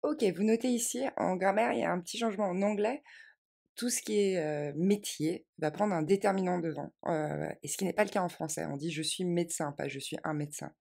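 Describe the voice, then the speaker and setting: A French-speaking woman teaching English in a video lesson, modelling phrases slowly and clearly for learners to repeat. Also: fairly low pitch, dark tone. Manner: clear, instructive delivery with drills.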